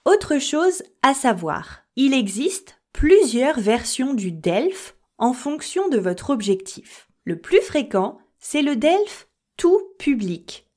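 A woman hosts a French-learning podcast and explains each point with care. Her voice sits a little high and moves freely up and down. She speaks slowly and speaks to her listeners directly. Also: darkish tone. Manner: addresses listeners directly with questions and examples. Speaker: French teacher and podcast host. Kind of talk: slow, clear podcast lesson for French learners.

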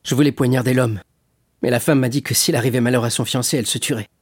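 A man's voice: medium pitch, steady tone, quick pace, breathy edge, no echo, clean studio sound, natural voice. A man voicing a jealous, desperate young lover in an audiobook reading, earnest and resolute.

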